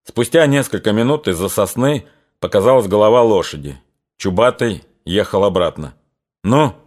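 Brief: low-pitched male narrator, measured literary audiobook reading. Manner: measured, even reading that drops lower and quieter in somber passages.

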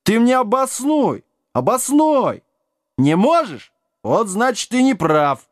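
A man voicing a huge, dim-witted, rough male giant with a hoarse, muffled voice and coarse, touchy talk. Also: fairly high pitch, big pitch swings, very slow, fairly bright tone, no echo, studio quality, pitched above the performer's own voice, exaggerated voice. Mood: gruff.

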